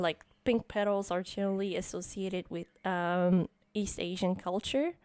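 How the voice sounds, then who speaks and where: A young journaling YouTuber with a French Canadian accent, French being her first language, provides voice-over narration of a drawing session. She rambles in a relaxed way with many ums, in a medium-pitched voice over background music.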